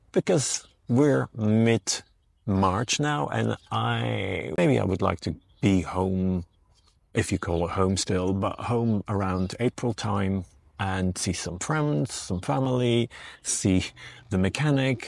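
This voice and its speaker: A van life vlogger in his fifties chats casually to the camera outdoors beside a parked van and a beach shelter, soothing and reflective. His voice is lowish, slow and creaky, and the recording is dry.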